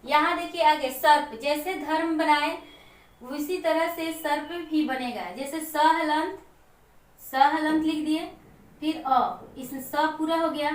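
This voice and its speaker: A woman's voice: sits high, steady tone, slow. A woman teacher giving a patient classroom lesson. She asks questions and then answers them herself. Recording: echoey room, voice from far off the mic.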